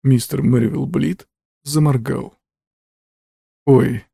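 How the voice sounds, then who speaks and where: A man narrating a story in a measured, even audiobook reading. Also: mid-range voice, vocal fry, slightly rough, no echo, studio quality.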